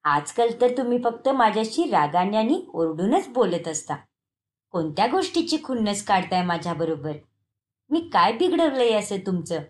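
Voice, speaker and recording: A woman voicing a sly teenage girl, the younger sister-in-law, who talks defensively and pleads in a lowered voice. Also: sing-song, moderate pace, darkish tone, lightly acted. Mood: defensive pleading.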